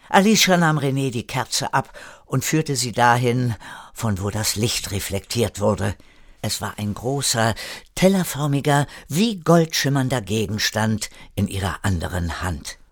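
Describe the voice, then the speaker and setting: Slow-telling old male storyteller. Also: mid-range voice, animated, no room sound, clean studio sound. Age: older. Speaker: storyteller grandfather. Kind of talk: storytelling narration.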